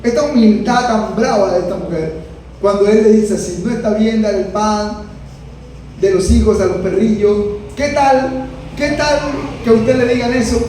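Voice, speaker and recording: High-voiced preaching man, echoey and distant. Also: moderate pace. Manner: preaching with dramatic quoted voices and sudden shouts. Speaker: pastor. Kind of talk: sermon. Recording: echoey room, distant mic, faint noise.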